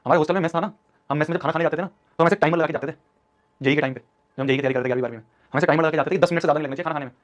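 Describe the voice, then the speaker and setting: A man's voice: fairly high pitch, racing. A young man in his twenties, an online teacher giving a motivational class talk in an urgent, scolding, repetitive way. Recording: dull lo-fi stream audio.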